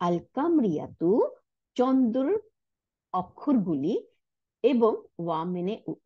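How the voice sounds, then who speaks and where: A woman giving a recorded Arabic lesson, explaining step by step and often checking understanding with a quick "right?". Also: mid-range voice, breathy edge, dry recording, highs cut off. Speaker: Arabic teacher.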